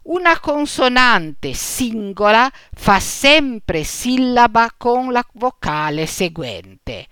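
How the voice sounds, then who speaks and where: Slow, careful woman teaching Latin. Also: on the high side, very animated, fairly bright tone, clear, resonant tone, dry recording, studio quality. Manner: slow and deliberate, spelling out letters and examples. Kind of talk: reading a Latin pronunciation lesson.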